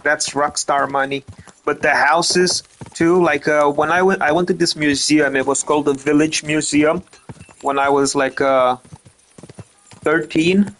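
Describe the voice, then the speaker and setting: This streamer, a man from Romania, has a fairly high, fairly bright voice. His casual commentary on the game wanders, stumbling on repeated words with an occasional curse thrown in.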